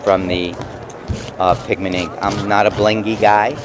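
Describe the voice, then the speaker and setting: A man with a New York accent casually explaining and demonstrating craft products, pausing mid-sentence as he works. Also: fairly low pitch, flat delivery, over music. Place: busy convention booth. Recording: noisy trade show floor background.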